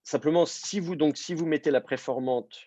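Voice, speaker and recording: A man teaching a Hebrew reading class, explaining step by step and often pausing with fillers. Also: fairly high pitch, mellow, no echo. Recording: dull lo-fi dry sound.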